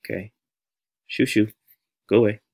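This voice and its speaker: His voice sits lowish and his pace is measured. He's an American music teacher and tutorial host in his thirties, running a casual, playful lesson while thinking aloud and talking to himself with animation.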